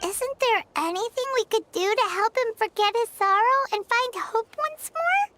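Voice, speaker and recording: A woman's voice: very high-pitched, expressive, moderate pace, a little hiss or hum, heavily acted. A woman voicing a small, earnest, kind fairy companion with a girlish voice in a video game. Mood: pleading. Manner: earnest, gentle.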